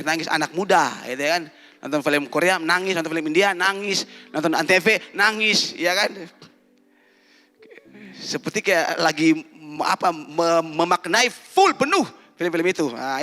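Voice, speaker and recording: Brief: male pastor, high and bright, animated call-and-response youth sermon, church hall reverb. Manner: animated, teasing, quizzes the congregation.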